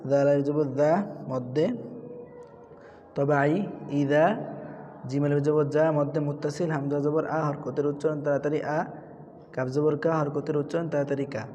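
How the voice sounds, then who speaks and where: A man teaching Quran reading, patiently spelling out letters and chanting the words in a raised, drawn-out voice. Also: on the high side, little pitch movement, warm tone, highs cut off. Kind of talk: spelling out and drilling Quran recitation. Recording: reverberant room with faint background noise.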